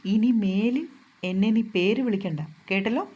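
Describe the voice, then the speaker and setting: Woman doing a cocky teasing young husband, mock-stern, storybook style, soft husky tone. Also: mid-range voice, normal speed, natural voice. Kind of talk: storybook narration.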